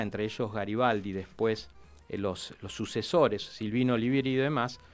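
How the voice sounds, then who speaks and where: A man, a historian guest in a radio interview, telling history in an animated way with many restarts. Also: medium pitch, smooth.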